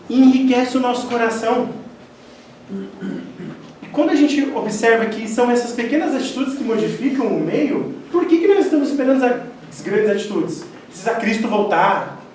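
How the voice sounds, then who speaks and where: High-voiced man lecturing in echoey hall. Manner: animated storyteller who acts out quoted dialogue. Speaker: spiritist lecturer. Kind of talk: spiritist lecture with personal stories. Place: lecture hall of a spiritist center. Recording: very echoey hall, distant mic, faint noise.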